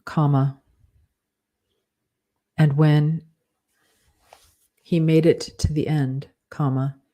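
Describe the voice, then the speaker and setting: A writer reads a story into dictation software, calling out every comma, period and undo as they go. The voice is mellow and dark, and it stays on one level with little rise or fall. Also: medium pitch. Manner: measured, flat dictation, spelling out punctuation and corrections. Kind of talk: dictating fiction aloud with spoken punctuation commands.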